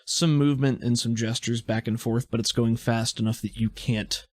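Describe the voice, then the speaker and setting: A man narrating as game master of a tabletop role-playing game, measured and descriptive with frequent fillers. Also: medium pitch, fairly even intonation, darkish tone, dry recording.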